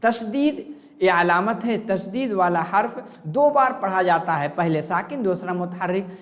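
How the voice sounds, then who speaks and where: A man's voice: sits high, lively intonation, big-room sound. A male teacher giving a grammar lesson, asking questions and answering them himself, repeating the key points. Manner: slow and repetitive explaining.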